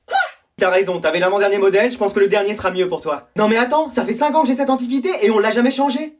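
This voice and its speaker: A comedian acting out short school and family sketches, switching quickly between characters. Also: mid-range voice. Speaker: sketch comedian playing all parts. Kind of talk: comedy sketch role-play.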